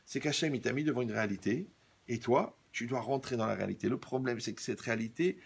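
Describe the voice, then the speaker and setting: Gravelly man giving a wry sermon. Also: medium pitch, quick pace. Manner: wry, teasing, storytelling with asides to listeners. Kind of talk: humorous sermon.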